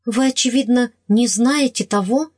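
A woman voicing a sorrowful young woman from a storybook who has been wronged and speaks with slow, tearful restraint. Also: a little high, a little mellow, husky, no echo, studio quality, pitched above the performer's own voice.

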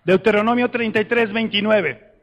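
A man preaching a lively sermon, calling young people up and leading the congregation in shouted chants. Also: high voice, normal speed. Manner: energetic, calls people up, builds to shouted chants. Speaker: preacher leading a youth demonstration.

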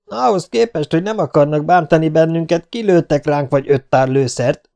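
A man's voice: on the high side, vocal fry, darkish tone, voice pushed up. A man voicing a tough male commando who answers his besiegers with sarcastic defiance. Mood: defiant. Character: tough, wry male commando under siege.

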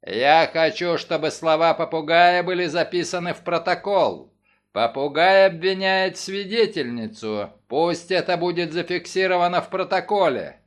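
A man voicing a pompous male prosecutor who declaims in a loud, dramatic tone. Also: on the high side, animated, measured pace, few pauses. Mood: insistent.

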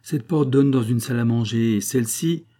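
A man's voice: medium pitch, brisk, mellow, close to an everyday voice. A man reading an audiobook voices a lovelorn, wounded nobleman who speaks with restraint and sighs. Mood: probing. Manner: restrained and sighing. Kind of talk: audiobook character voice.

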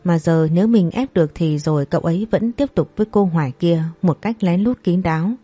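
A woman voicing a calm, thoughtful middle-aged brother-in-law who gives measured advice. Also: fairly low pitch, slightly rough, no echo, soft background music.

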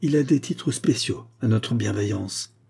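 A man reading a young woman's lines in an audiobook, with a coaxing, insistent manner and his pitch raised. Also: a little slow, creaky, a little mellow, slightly rough, full character voice.

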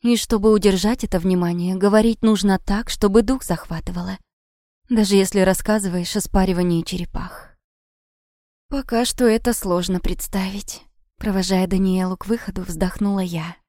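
Woman, audiobook narrator, lively storytelling, mellow dark voice, dry close recording. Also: mid-range voice, fairly quick, dry recording. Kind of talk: first-person novel narration.

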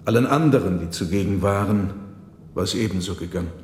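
A man narrating a radio drama in a measured, grave storytelling manner. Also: deep voice, darkish tone, slight background noise. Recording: roomy reverberant hall.

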